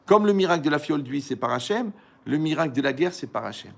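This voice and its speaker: A male rabbi with a somewhat high, gravelly voice teaches a Torah lesson to young listeners. He talks in a colloquial, animated way, telling little stories and checking in with rhetorical questions. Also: fast.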